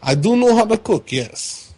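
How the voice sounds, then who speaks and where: A man acts out a Ukrainian convict and fighter with a Russian accent. He is boastful and aggrieved, speaking bluntly in stilted phrases. The voice sits a bit high for a man, in a dry, close sound. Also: sing-song, a little slow, warm tone, breathy edge, no echo, heavily acted, poor audio. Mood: obliging. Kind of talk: prank phone call character acting.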